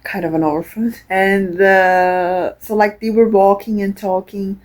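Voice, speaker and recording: A woman's voice: mid-range voice, fairly even intonation, a little slow, rough recording. A young woman from Brazil, chatting casually about a book she is reading, rambling with many fillers and restarts. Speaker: book vlogger. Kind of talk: casual reading vlog chat.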